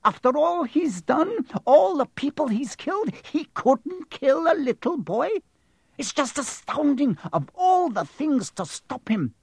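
A man voicing a stern older witch professor in an audiobook, anxious and emphatic, halting with emotion. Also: high-pitched, wildly swooping pitch, slightly rough, no echo, voice pushed up, heavily acted. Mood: shocked, tearful.

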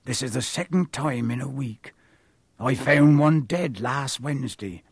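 A man voicing a gruff, fierce but big-hearted gamekeeper in an audiobook, with blunt, rustic, growling speech. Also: mid-range voice, measured pace, no echo. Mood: cautioning.

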